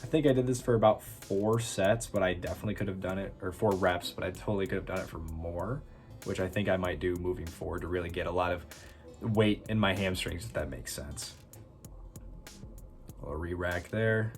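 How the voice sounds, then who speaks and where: A man's voice: deep voice, a little fast, faint music behind. A young man giving casual, self-teasing voice-over commentary on his own workout footage, with many fillers. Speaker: fitness vlogger.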